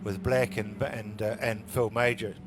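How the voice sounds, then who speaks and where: A man's voice: lowish voice, little pitch movement, a little slow, noisy background. Conversational male New motorsport commentator. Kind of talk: live motor racing commentary.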